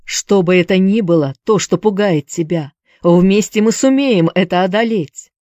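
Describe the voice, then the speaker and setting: An ardent young man in an audiobook pleads with rising urgency, as a woman narrator voices him. His tone stays dark and mellow, and the dry, close sound puts him right at the listener's ear. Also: medium pitch, normal speed, no room sound, close to an everyday voice. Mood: urgent pleading.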